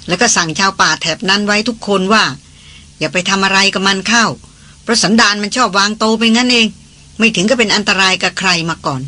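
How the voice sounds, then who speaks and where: A man's voice: high-pitched, sharp tone, exaggerated voice. A reader playing a seasoned male jungle hunter who speaks politely and plainly.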